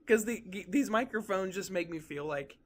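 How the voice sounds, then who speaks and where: A young man with a slightly high voice, bantering on a podcast. He jokes around, laughs readily and keeps a playful, loose tone. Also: wildly swooping pitch, measured pace. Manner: playful, easily amused. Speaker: podcast co-host. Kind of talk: casual chat.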